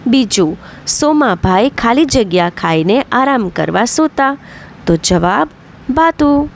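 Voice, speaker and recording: A woman's voice: fairly high pitch, animated, slow pace, creaky, slight background noise. A woman teacher, reading out workbook questions and then giving each answer. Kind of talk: slow explanatory workbook lesson.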